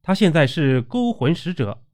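A man's voice: on the high side, sing-song, moderate pace, darkish tone, voice pushed up. A man voicing a middle-aged woman exorcist who barks commands and chants spells in a storytelling narration. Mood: commanding.

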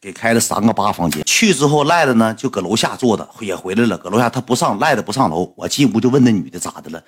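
Northeastern chinese guy telling a funny story, husky voice, pitch jumping all over. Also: fast talker. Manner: lively, colloquial, animated retelling. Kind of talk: comic spoken storytelling.

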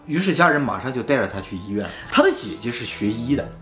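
Hosting a casual conversation, a fast-talking man with a mid-range voice tells a spooky tale, animatedly performing each quoted line. The room is echoey, and soft music plays behind him.

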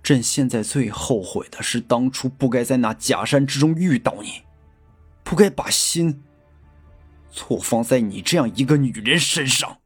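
An actor voicing a cold, embittered emperor who gives stern commands. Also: male voice, mid-range voice, measured pace, slightly rough, faint music behind. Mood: bitter.

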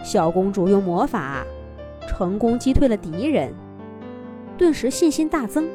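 Expressive woman narrating a children's fairy tale. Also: mid-range voice, a little slow, over music. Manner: expressive, dramatic storytelling. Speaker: children's storyteller.

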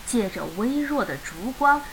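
A woman reading a children's picture book aloud in an expressive, animated storytelling way. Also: on the high side, unhurried, slight background noise, poor audio.

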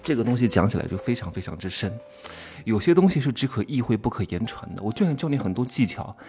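A man's voice: lowish voice, quick pace. Guy lecturing, voice jumps all over, rhetorical questions, faint music behind. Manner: animated, rhetorical questions, stressing words. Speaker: commentator teaching expression. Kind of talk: casual monologue lecture.

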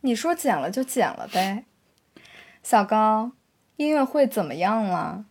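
A woman co-hosting a casual chat podcast, playful and teasing, quick to laugh. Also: mid-range voice, big pitch swings, slight background noise. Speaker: podcast co-host.

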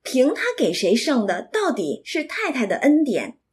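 A woman's voice: high voice, sing-song, moderate pace, darkish tone. A woman voicing a chatty, eager young maidservant in a storybook reading.

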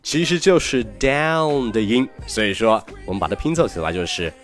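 A young man teaching English pronunciation, explaining in Chinese and modeling phrases slowly. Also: medium pitch, big pitch swings, faint music behind. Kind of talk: online pronunciation lesson.

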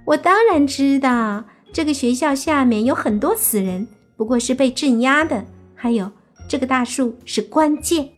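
A woman's voice: high-pitched, lively intonation, normal speed, soft background music. Woman voicing a coaxing young fox-spirit girl. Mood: explaining. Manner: whiny wheedling, cute pleading. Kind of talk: audiobook character acting.

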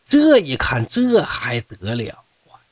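A man's voice: medium pitch, wildly swooping pitch, slow pace, no room sound. A middle-aged man with a Northeastern Mandarin accent telling a classic tale in a folksy, joking way, with asides to his listeners. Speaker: storyteller. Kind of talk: comic folk-tale storytelling.

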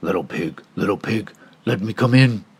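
A man's voice: on the low side, animated, moderate pace, husky, voice pushed down, exaggerated voice. A man playing a sly, hungry big bad wolf. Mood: menacing.

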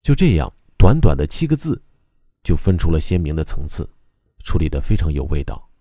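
A man teaching how to recite a poem, explaining calmly and methodically with frequent pauses. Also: rumbling low, dry recording, clean studio sound. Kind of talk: explanatory lesson on reading poetry aloud.

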